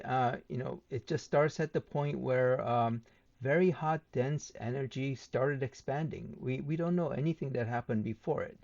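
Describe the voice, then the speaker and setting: Measured man rebutting a debate, ums. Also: mid-range voice, darkish tone, dull audio. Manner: measured, with many filler ums and uhs. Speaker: channel host responding to a debate. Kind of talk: point-by-point rebuttal commentary.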